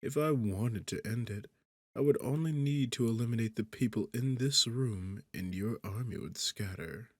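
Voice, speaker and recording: A man's voice: medium pitch, normal speed, darkish tone, no echo, clean studio sound, close to an everyday voice. A man playing an arrogant, sarcastic demon king in a seductive fantasy ASMR roleplay, with a smug, teasing, condescending manner. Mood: smug, boastful. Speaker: audio roleplay performer.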